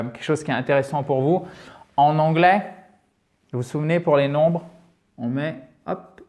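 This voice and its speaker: A French man teaching English pronunciation in a lively, emphatic video lesson, repeating sounds to demonstrate them. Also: mid-range voice.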